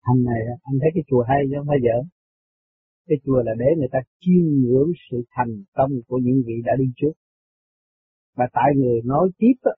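Male teacher, husky, rambling spiritual talk, phone-line sound. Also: medium pitch, dry recording. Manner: repeats words while searching, chuckles between points. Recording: tinny phone-like radio line, dry.

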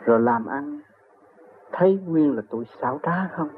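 Fairly high-pitched and expressive, an older man with a Southern Vietnamese accent tells long, rambling personal stories at a moderate pace during an interview, chuckling frequently. The audio is tinny and phone-like, with faint background noise.

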